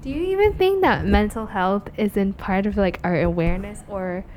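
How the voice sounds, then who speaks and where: A woman's voice: mid-range voice, animated, moderate pace, a little mellow, slight background noise. A young woman hosting a podcast, chatting casually and asking questions with many fillers. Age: young adult. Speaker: youth podcast host. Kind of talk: casual interview chat.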